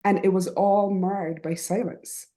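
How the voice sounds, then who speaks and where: With a medium pitch, steady tone, and measured pace, a middle-aged Barbadian-accented woman from Barbados talks as a guest on a podcast. She's the founder of a writing program, and her reflective interview conversation is earnest, punctuated by frequent "right?" check-ins and quiet laughs.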